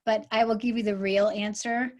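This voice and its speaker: A woman's voice: medium pitch, flat delivery, normal speed. A woman comedy writer on a panel, answering with wry humor and anecdotes.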